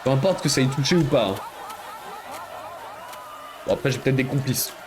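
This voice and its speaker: A man giving live commentary on a video game he is playing, excitable and joking, often breaking into exclamations. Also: medium pitch, normal speed, noisy background. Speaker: streamer.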